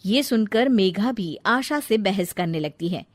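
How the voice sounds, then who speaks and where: A woman narrating a bedtime storybook in a calm, even storytelling manner. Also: medium pitch, measured pace, no echo, clean studio sound.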